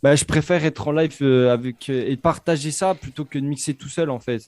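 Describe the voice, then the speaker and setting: Young man, Franche-Comté accent, hesitant casual talk, slightly high voice, dry close sound. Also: a little fast, darkish tone, dry recording. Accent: Franche-Comté French. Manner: hesitant, many fillers and restarts. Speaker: DJ and Twitch streamer, guest. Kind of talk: casual interview chat.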